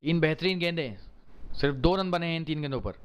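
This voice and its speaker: A man delivers excited cricket commentary in a somewhat high-pitched voice. He works as a live match caller, following the play closely and exclaiming in short, emphatic bursts of praise. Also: quick pace, clean tone, highs cut off.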